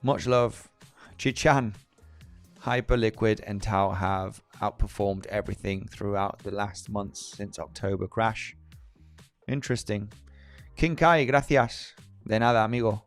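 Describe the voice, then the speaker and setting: Male livestream host, deepish clean voice, rambly, soft music behind. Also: steady tone, measured pace. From Spain. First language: Spanish. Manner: rambling, frequent restarts, reads viewer comments aloud. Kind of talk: casual livestream chat.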